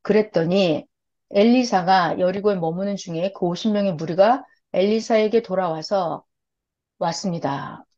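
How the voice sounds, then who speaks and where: A woman's voice: medium pitch, normal speed. A woman preacher retelling a Bible story in a sermon and acting out the characters' lines. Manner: acts out the characters' lines in lively voices. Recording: dull lo-fi recording.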